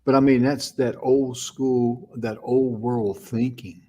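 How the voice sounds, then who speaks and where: A man's voice: medium pitch, flat delivery, slow, warm tone, slight background noise. A man co-hosting an inspirational talk show, chatting casually in a folksy way and acting out quotes. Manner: folksy, chuckling, acts out quotes. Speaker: co-host and producer.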